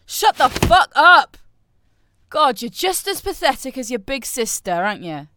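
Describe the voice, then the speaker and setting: A young woman plays a domineering, cruel bully in an audio roleplay, sounding furious as she taunts crudely and swings between shouting and close whispers. Her voice is fairly high, with big pitch swings and a moderate pace.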